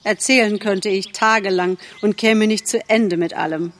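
A woman's voice: medium pitch, steady tone, normal speed, close to an everyday voice. A woman reading a boastful young buck. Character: boastful young male deer back from captivity. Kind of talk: audiobook character voice.

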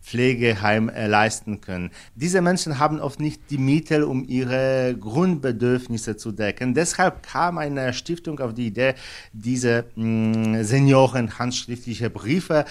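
Male correspondent, German, halting, lots of fillers. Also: mid-range voice. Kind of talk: news interview answers.

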